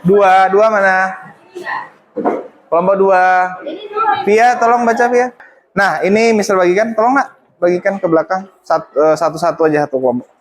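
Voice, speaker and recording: High-voiced male teacher in a classroom. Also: fairly even intonation, normal speed, pauses often. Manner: mixes English phrases into speech, prompts students. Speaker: English teacher.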